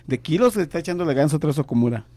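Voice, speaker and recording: Fast-talking higher-voiced radio host. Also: male voice, animated, mellow, dry recording, low-quality recording. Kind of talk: radio talk show hosting.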